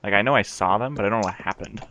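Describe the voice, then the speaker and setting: Laid-back guy with a lowish, lively voice, casual game chat, clear background noise. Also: very fast. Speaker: game co-host.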